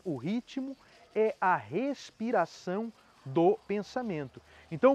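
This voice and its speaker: Man, middle-aged, high voice, explanatory lesson. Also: dull audio. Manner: explanatory, with frequent tag questions and restarts. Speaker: channel host. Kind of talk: spoken lesson on poetry.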